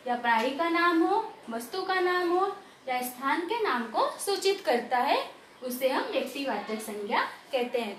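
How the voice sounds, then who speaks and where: A woman teaching young pupils a grammar lesson, dictating definitions slowly and asking questions she answers herself. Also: high-pitched, a bit bright, roomy sound, slight background noise.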